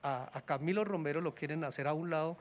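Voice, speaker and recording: A man's voice: a little high, quick pace. A man in casual political talk, critical and hesitant, with many restarts and fillers. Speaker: political guest.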